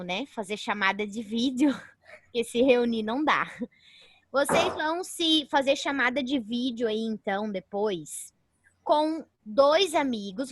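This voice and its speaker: With a fairly high-pitched voice and no room sound, a Brazilian-accented woman teaches an online class. Her style is chatty; she keeps tagging lines with an inquiring "né?" and calls herself "a professora."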